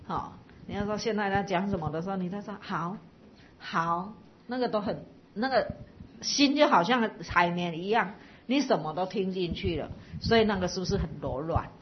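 A woman's voice: medium pitch, moderate pace, muffled recording, a little hiss or hum. A woman Buddhist teacher giving a dharma talk to a live audience, explaining patiently and asking listeners to reflect.

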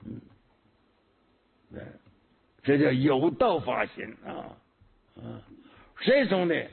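A man giving a Buddhist sermon, teaching slowly and deliberately, often pausing with a hum and repeating key words. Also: fairly high pitch, sing-song, creaky, slightly rough. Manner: slow, measured teaching with frequent hums and repetitions. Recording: tinny phone-like lo-fi recording.

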